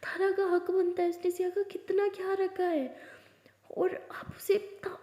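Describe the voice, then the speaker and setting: A woman's voice: very high voice, unhurried, pitched above the performer's own voice. A woman playing a caring, reasonable older sister. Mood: pleading. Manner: reasoning, calming. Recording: roomy with long reverb.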